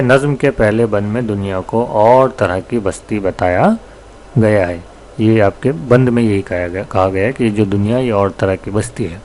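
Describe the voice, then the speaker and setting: A man teaching a class, explaining word meanings slowly and patiently and repeating himself for students. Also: fairly low pitch, darkish tone, slight background noise. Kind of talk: recorded classroom lesson.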